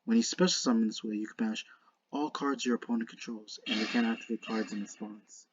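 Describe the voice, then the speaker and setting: Lisping man in halting, earnest gamer commentary. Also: on the low side, steady tone, highs cut off. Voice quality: lisp with slushy s sounds. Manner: halting, repeats and restarts words, earnest. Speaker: video creator narrating a card game duel. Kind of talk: unscripted casual commentary to viewers.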